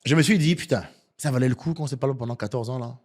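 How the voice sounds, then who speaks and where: A man from France and Benin talks through a casual interview. He is a comedian and tells his story with emphatic, slang-heavy delivery. His voice sits at an ordinary mid-range pitch. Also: fast talker, a little mellow.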